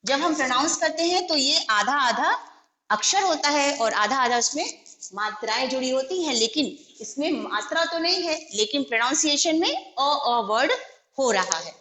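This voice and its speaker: A woman's voice: high-pitched, lively intonation, moderate pace, sharp tone. A woman teacher patiently explaining a lesson, breaking each word into its letters and vowel signs one at a time. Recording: echoey room, faint background noise.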